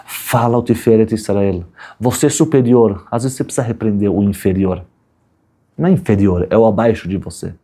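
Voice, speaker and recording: A man teaching a religious class as an animated storyteller, acting out the voices of people in his story and checking in with his listeners often. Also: lowish voice, brisk, slightly rough. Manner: animated storyteller, acts out quoted voices, asks "tá bom?" often. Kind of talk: storytelling sermon.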